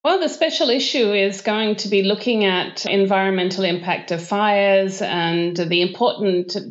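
A woman's voice: medium pitch, moderate pace, lo-fi sound. A woman speaking as an academic guest, explaining things in an interview. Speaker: professor, podcast guest.

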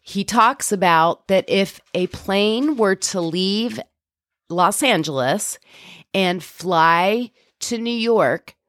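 A woman's voice: mid-range voice, expressive, slow pace, fairly bright tone, dry recording, studio quality. A woman with a congested, head-cold sound to her voice, hosting a solo podcast in a conversational, instructive and encouraging way. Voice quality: stuffy, congested nose. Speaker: podcast host and health coach.

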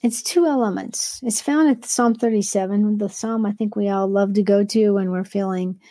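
A woman's voice: medium pitch, moderate pace, warm tone, dry recording. A woman, an entrepreneur and devotional author, talks earnestly about her faith and work, often quoting scripture and sometimes restarting her sentences. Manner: earnest, quotes scripture aloud; restarts and self-corrections. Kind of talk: faith-based conversational sharing.

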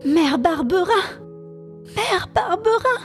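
Woman doing a frightened little boy, tearful, pleading, high-pitched. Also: a little slow, darkish tone, faint music behind.

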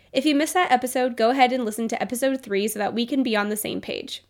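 A young adult woman hosting a solo business podcast, upbeat and motivational, her voice nasal from a cold. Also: fairly high pitch. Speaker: podcast host.

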